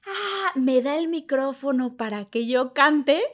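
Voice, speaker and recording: Animated Mexican woman telling a story. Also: high-pitched, slow. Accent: Mexican Spanish. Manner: animated, acts out the scenes. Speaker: guest. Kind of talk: storytelling anecdote.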